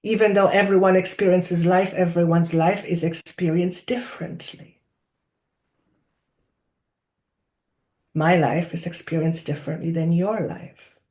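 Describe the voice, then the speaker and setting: A wise collective of spirit guides speaks through a person acting as medium in a trance-channeling seance. The delivery is deliberate and oracular, solemnly instructive. Key words are drawn out for emphasis, and questions are posed rhetorically. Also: mid-range voice, steady tone, darkish tone, close to an everyday voice. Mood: emphatic, instructive.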